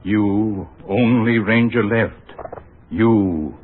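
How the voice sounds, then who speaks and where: A slow, stoic Tonto on old radio. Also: male voice, fairly low pitch, husky, full character voice. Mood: calm. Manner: slow broken clipped speech. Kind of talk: 1940s radio acting. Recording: tinny lo-fi old radio broadcast.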